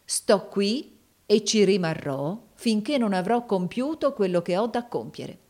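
Woman reading a steady, defiant young man. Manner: slow and deep.

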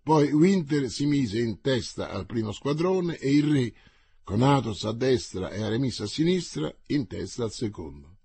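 A man's voice: medium pitch, lively intonation, unhurried, gravelly, warm tone, husky, no room sound. A man narrating an adventure novel as an audiobook, with a dramatic, paced reading.

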